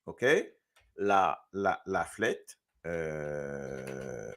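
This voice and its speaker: A man from Mauritius, hosting a live show and reading viewers' comments aloud in a lively, chatty way. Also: a bass voice, drawn-out words. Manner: lively, switching between French and Creole, reading comments aloud. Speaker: host.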